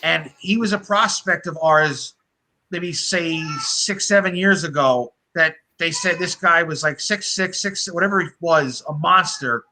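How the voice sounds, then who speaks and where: A man talks hockey on a podcast with a bright, slightly high voice. He rambles through opinions, restarting sentences and cursing freely. The tone is loose, casual chat between friends. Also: unhurried, low-quality recording. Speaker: podcast co-host.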